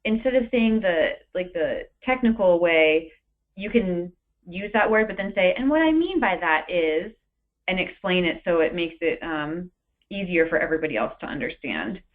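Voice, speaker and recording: A woman's voice: on the low side, moderate pace. Woman trainer on a tinny call line. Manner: relaxed, lots of fillers. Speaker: webinar presenter and trainer. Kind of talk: training webinar, coaching and mock interview.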